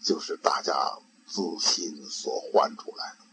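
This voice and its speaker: An older man and grandfather giving an informal Buddhist talk, slow and halting, often repeating words while he searches for them. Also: extremely low pitch, vocal fry, sharp tone, slight background noise, low-quality recording.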